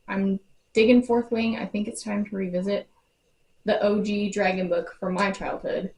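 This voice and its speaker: A woman's voice: medium pitch, darkish tone. A young adult woman talking casually about books for her vlog, chatty and full of "like" fillers. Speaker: book vlogger. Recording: roomy echo.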